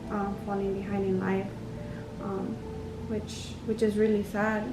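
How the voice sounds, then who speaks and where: Young woman, college student, hesitant, flat delivery; roomy, distant recording with music behind. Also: medium pitch, a little slow. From Honduras. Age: young adult. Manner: hesitant, with many ums and likes. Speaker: community college student giving a testimonial. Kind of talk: unscripted testimonial. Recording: roomy, off-mic, music underneath.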